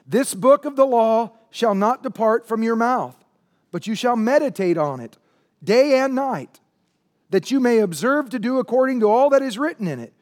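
A man's voice: very high-pitched, animated, normal speed. A man in his late thirties preaching a sermon in a church, emphatic and conversational, with asides to the congregation. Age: 30s. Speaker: pastor. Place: church sanctuary.

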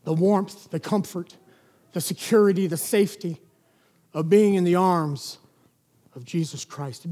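A male preacher giving an evening sermon in a church, emphatic, stretching single words slowly and dropping to a near-whisper. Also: sits high, in a large hall.

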